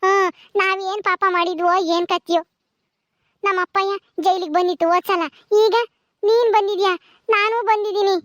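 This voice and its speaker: A tearful, vengeful young village granddaughter, played by a woman with a rural Tumakuru Kannada accent. She pleads and complains in a very high, thin voice. The recording is close and dry. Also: steady tone, moderate pace, a bit bright, no echo. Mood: bitter. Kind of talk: village family drama acting.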